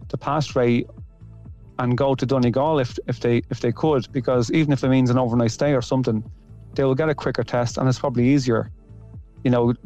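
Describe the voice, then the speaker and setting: A driving instructor talking casually in a clip, with a few restarts and fillers. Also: male voice, medium pitch, mellow, lo-fi sound. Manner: conversational, with restarts.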